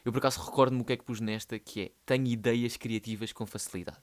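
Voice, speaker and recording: A man's voice: medium pitch, fairly even intonation, fast talker. A young man with a European Portuguese accent, hosting a solo podcast in a rambling, slangy, playful way. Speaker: podcast host. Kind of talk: casual solo podcast monologue.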